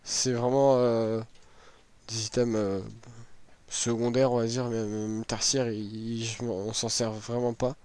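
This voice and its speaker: Hoarse, sick man casually presenting a game. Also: medium pitch, little pitch movement, takes it slowly, darkish tone, dry recording. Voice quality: hoarse, worn-out voice. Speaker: gaming video host. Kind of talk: casual game item walkthrough.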